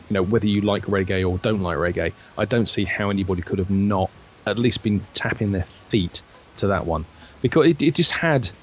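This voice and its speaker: A man's voice: on the low side, muffled recording, slight background noise. Hesitant man chatting as a podcast guest. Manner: hesitant, restarts a lot. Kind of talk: casual panel chat.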